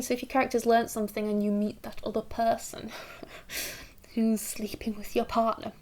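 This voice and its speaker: Woman, acting teacher, casual lesson, chatty, fillers, slightly high pitch. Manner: chatty, acts out quoted lines, uses filler 'like'.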